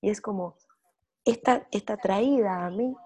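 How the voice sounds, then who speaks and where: A woman who leads women's workshops appears as a guest in a reflective conversational interview, speaking unhurriedly at medium pitch with a breathy edge. She tells her stories animatedly, acting out her inner dialogue and repeating phrases.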